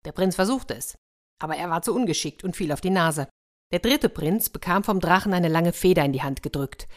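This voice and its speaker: A woman with a fairly low voice reads a fairy tale aloud for children. She tells it in a gentle, expressive way, lingering over the story. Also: a little fast.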